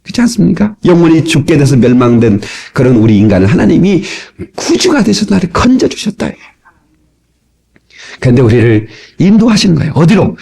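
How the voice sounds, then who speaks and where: A male pastor preaching a sermon to his congregation, lively and folksy, often asking them for a response, heard from an old cassette tape recording. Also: on the high side, creaky, slightly rough. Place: church sanctuary.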